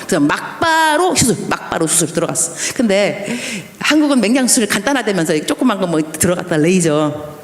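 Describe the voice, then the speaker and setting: A woman pastor in her fifties tells a story from the pulpit, her pitch leaping and falling as she acts out every quoted exchange. Her voice rings through a church hall, with a long reverb trailing after each phrase. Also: a little fast. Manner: animated, acts out quoted dialogue with laughs. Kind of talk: lively storytelling sermon. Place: church sanctuary at an evening service.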